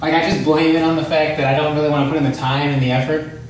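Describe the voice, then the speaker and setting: A young man performs stand-up in a very reverberant room, heard from well back from the microphone. He rambles through his material in a halting, self-deprecating way, swearing casually. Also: fairly high pitch, flat delivery. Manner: profane, casual. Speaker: stand-up comedian. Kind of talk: stand-up comedy routine at an open mic. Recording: very echoey room, distant mic, faint noise.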